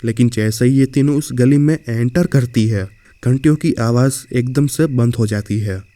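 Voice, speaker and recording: Guy telling a spooky story casually, super dark voice, dry close sound. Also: medium pitch, moderate pace, dry recording. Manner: casual, addresses the listener directly. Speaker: horror storyteller. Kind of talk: horror story narration.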